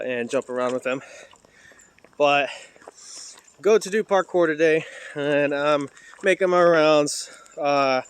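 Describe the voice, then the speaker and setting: A man's voice: mid-range voice, a little hiss or hum. A man recording a casual phone video of himself on an outdoor trail, chatting and rambling with plenty of "uh"s while he walks with a heavy sandbag. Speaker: vlogger and parkour coach. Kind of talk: casual talking-to-camera vlog. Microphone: cheap phone held while walking.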